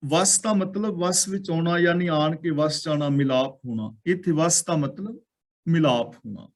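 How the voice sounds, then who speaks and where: A man explaining scripture. He recites each verse line slowly and drawn out, then explains it word by word. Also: on the high side. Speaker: scripture teacher.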